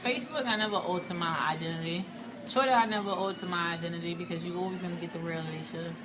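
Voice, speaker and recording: A young woman in her twenties speaks in a frank, self-assured way in a documentary interview, her voice a little low for a woman. Clear music plays under her words. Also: steady tone, quick pace. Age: 20s.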